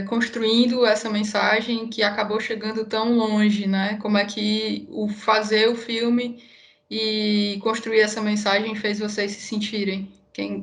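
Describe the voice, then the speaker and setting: A woman with a Brazilian accent informally moderating a live event and interpreting. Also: mid-range voice.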